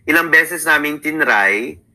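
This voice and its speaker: A man in his thirties with a Filipino accent speaks on the high side, expressive, bright and forceful, at a measured pace, on a low-quality recording. Chatting casually as an interview guest, he tells his life story, sounds sleepy, mixes Tagalog and English, and quotes himself and others often.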